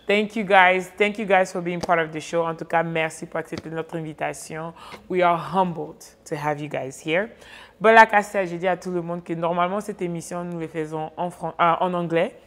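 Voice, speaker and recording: A woman's voice: fairly low pitch, fairly even intonation, moderate pace. A young woman hosting a talk show, mixing French and English and laughing often. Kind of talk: casual hosted chat.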